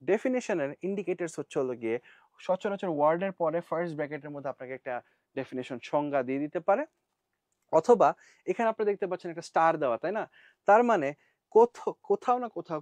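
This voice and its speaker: A man's voice: on the high side, a little mellow, dry recording. Man teaching an IELTS class. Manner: mixes Bengali and English, asks the class questions. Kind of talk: live online class.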